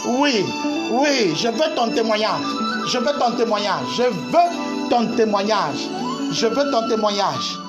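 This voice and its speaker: A preacher delivering a fervent sermon, shouting, hammering repeated phrases and breaking into laughter, with congregation responses. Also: mid-range voice, expressive, takes it slowly, over loud music.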